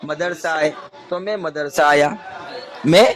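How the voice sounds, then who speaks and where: A man's voice: fairly high pitch, a bit bright. A male teacher giving a classroom grammar lesson, coaxing his students to repeat sentences after him. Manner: coaxing, call-and-response drilling.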